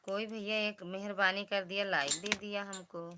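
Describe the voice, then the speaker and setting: A woman's voice: mid-range voice, steady tone, normal speed, noisy background. A woman with an Awadhi accent hosting a casual live-stream chat, greeting viewers by name as they join.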